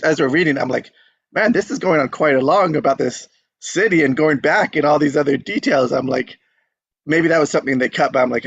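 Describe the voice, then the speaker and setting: A man hosts a live script table read, chatting with the group in a loose, rambling style and quoting his own thoughts. His mid-range voice is husky with vocal fry, recorded without echo and with the highs cut off.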